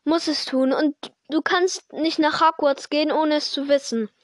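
Hagrid, gruff kind giant, read by a woman. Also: sits high, fairly even intonation, moderate pace, no room sound, clean studio sound, close to an everyday voice. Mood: worried. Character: big, gruff, kind-hearted male giant.

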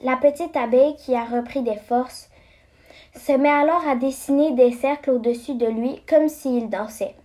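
A woman reading a children's story aloud, slow and halting, stumbling and restarting words. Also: sits high, dark tone. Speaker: story reader.

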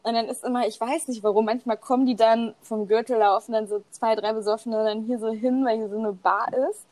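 Lively young woman, dry close sound. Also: fairly high pitch, a little fast, no echo. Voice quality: animated, laughs often, swears casually. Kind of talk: casual chat.

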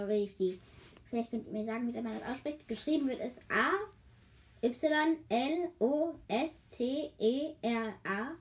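Woman reader, fairly high mellow voice. Casual storybook read-aloud with chatty asides and self-corrections. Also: rough recording. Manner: chatty, stops to comment and joke with listeners; stumbles over words and corrects herself. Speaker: reader of a children's book.

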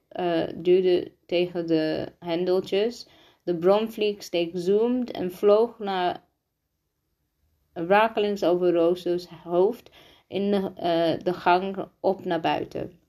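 A woman reading a children's book aloud, halting often and restarting words as she stumbles over the text. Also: lowish voice, steady tone, warm tone. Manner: halting, frequent restarts and slips. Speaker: reader.

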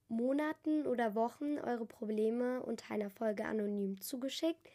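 Congested from a cold, a teen girl talks earnestly to her audience on her own casual podcast. She sounds a little high and a little mellow.

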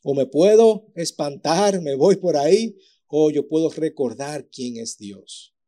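Lively preacher man with a mellow voice. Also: on the high side, slow. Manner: lively storytelling with acted-out voices and sound effects. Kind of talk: sermon.

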